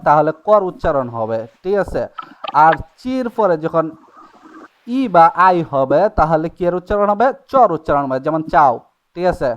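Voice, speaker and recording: A man teaching an online language class, his voice a little higher than most men's. He walks through examples patiently and keeps checking that the students are with him. The sound is dull and lo-fi, like a video call. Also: big pitch swings, clean tone. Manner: explains slowly with many checks like "ঠিক আছে?" and "নাকি?". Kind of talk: live online class taught in Bengali.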